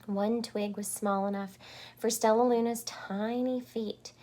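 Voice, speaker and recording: A woman with a slightly high voice reads a picture book aloud to children. She's expressive, phrasing things deliberately, adding dramatic pauses and small explanatory asides.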